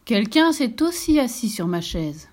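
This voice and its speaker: A woman's voice: on the high side, very animated, unhurried, darkish tone. A woman voicing the middle bear of a storybook, exclaiming indignantly.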